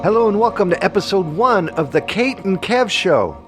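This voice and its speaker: A man's voice: high-pitched, animated, moderate pace, music in the background. A man co-hosts a comedy podcast in loose, casual banter. He teases and jokes with an easy, playful timing. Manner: teasing, joking banter. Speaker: podcast co-host.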